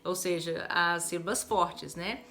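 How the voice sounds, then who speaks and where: A Brazilian woman teaching English in a chatty, lively video lesson, often adding quick tag questions. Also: fairly low pitch. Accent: Brazilian Portuguese.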